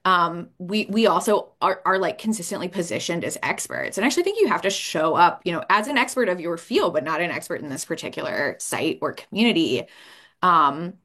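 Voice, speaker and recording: A woman's voice: fairly low pitch, expressive, fairly quick, pushed and bright. A woman academic moderating a panel discussion, thoughtful and conversational with casual fillers.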